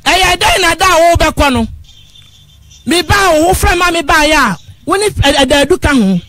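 A woman's voice: very high voice, expressive, a little fast, a bit bright. A woman calling in to a radio talk show, pleading and insistent as she keeps appealing to the host. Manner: pleading, insistent, repeatedly addresses the host as father. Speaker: radio call-in caller. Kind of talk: impassioned phone-in complaint.

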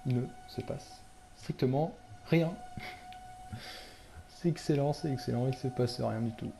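A man's voice: mid-range voice, unhurried, gravelly, warm tone, slight background noise. Nervous, jumpy young-sounding man gamer. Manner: nervous, jumpy, swears under his breath. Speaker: gamer and video host. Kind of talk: casual gameplay commentary.

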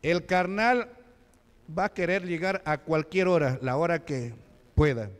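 Peruvian man, deacon, Pentecostal sermon, fairly high voice, long church reverb, quizzes the congregation. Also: unhurried, clean tone. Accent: Peruvian Spanish. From Peru. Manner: preaches with call-and-response questions to the congregation. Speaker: deacon preaching. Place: church sanctuary.

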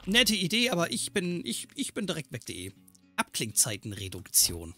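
A man hosting a gaming channel, giving let's play commentary in an animated, joking way and scolding the game's enemies. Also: fairly high pitch, moderate pace, faint music behind.

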